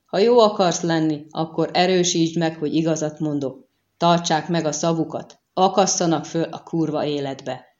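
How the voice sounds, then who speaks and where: A woman's voice: low-pitched, a little mellow, muffled recording, close to an everyday voice. A woman reading an audiobook and voicing a coarse, defiant young female bandit who swears and accuses.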